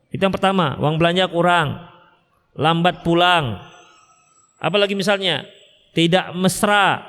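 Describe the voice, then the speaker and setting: Man, Islamic teacher, high voice, joking and playful delivery, acts out dialogues. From Medan, Indonesia. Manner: animated, joking, acts out husband-wife dialogues. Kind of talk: Islamic study lecture with Q&A. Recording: echoey hall reverb.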